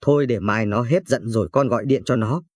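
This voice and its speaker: Caring middle-aged mom read by a guy, gentle, husky. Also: mid-range voice, fairly quick, no echo, studio quality, natural voice.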